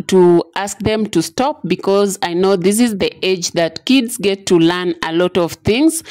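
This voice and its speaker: A woman narrating her home vlog in a relaxed, chatty voice, with frequent filler sounds. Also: lowish voice, clean tone. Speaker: vlogger.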